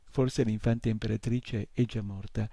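A weary little horse who has given up, speaking softly and heavily with sorrow, as a man reads him aloud. The voice is low and dark, with a gravelly edge. It sounds close and dry, with no room around it. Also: steady tone, moderate pace, dry recording. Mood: sorrowful. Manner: soft and heavy with sorrow. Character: small despairing male horse, weary and sad. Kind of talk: audiobook reading.

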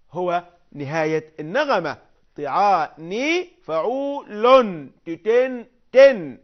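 An older man teaching classical Arabic prosody in a lecture, chanting syllables and verse in drawn-out sung tones and declaiming lines of poetry. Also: high-pitched. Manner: declaims poetry with rising force. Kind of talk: recorded lecture on Arabic meter. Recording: dull lo-fi audio recording.

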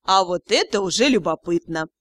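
A woman reading the part of a sly, ghostly female spirit in an audiobook, speaking in a calm, insinuating way. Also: on the low side, a little fast, no room sound, pitched below the performer's own voice.

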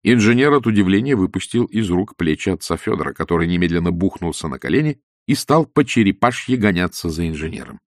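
Give me a man reading an audiobook in a low, animated voice, dry and close to the mic. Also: quick pace, hardly any pauses, no echo. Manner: expressive, lively storytelling. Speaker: narrator.

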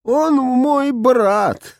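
A man's voice: extremely high pitch, vocal fry, no room sound, studio quality, pitched above the performer's own voice, exaggerated voice. A man voicing a frail, timid elderly woman with a cracked, quavering voice in an audiobook. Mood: flustered. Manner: slow, plaintive, old-fashioned politeness. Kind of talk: audiobook character voice.

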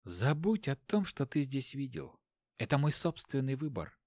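A cold, defiant wife speaks, played by a male narrator in a firm, quiet voice. Her delivery is measured and steady, with a close, dry sound. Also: on the high side, no room sound. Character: defiant woman, the inspector's wife.

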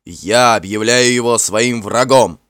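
A man voicing a proud, warm-hearted warrior chief who speaks in forceful, ringing declarations in a storybook reading. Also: medium pitch, measured pace, no echo, clean studio sound, pitched above the performer's own voice, lightly acted. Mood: vehement.

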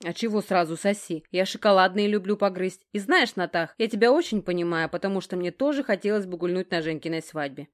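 A woman voicing a brash young man who jokes loudly and coaxes. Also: medium pitch, a little fast, few pauses, natural voice. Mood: coaxing.

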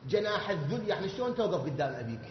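Fast-talking Iraqi preacher in an echoey hall. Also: male voice, high-pitched, highs cut off. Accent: Iraqi Arabic. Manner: animated, rhetorical questions, swings between loud outbursts and quiet asides. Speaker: religious preacher. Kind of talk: sermon.

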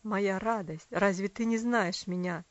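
Woman putting on a hoarse low voice for a heartbroken dad in a storybook, dry muffled audio. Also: a little slow, no room sound, close to an everyday voice. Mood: tender. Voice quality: hoarse, choked. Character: grief-stricken middle-aged father.

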